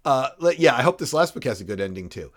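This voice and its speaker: A man co-hosting a casual comic book discussion, animated and reading dialogue aloud. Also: mid-range voice, quick pace. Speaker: podcast co-host.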